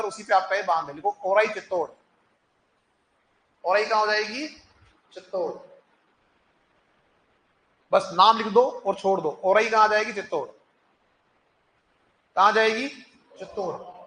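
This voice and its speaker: Bright, high-voiced male teacher, echoey room. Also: a little slow, long pauses. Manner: asks the class questions and answers them himself, repeats key points. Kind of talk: exam-prep classroom lecture. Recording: echoey room with faint noise.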